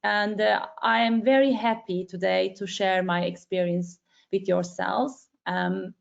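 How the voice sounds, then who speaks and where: A woman introducing herself as a webinar panelist, relaxed and full of fillers, on a video call. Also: mid-range voice, unhurried, vocal fry. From Turkey. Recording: dull lo-fi call audio.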